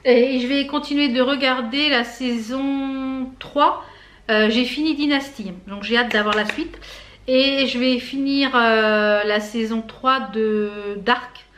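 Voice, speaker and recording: A woman vlogging casually to camera, hoarse and out of breath, chatty and full of hesitant fillers. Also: high voice, fairly even intonation, slow pace, a bit bright. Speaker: beauty vlogger. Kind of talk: casual vlog chat to camera.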